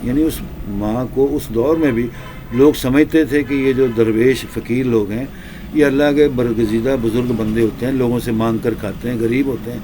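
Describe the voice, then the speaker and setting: A man preaching in a slow, repetitive storytelling manner with drawn-out pauses. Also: medium pitch, steady tone, noisy background. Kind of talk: storytelling sermon.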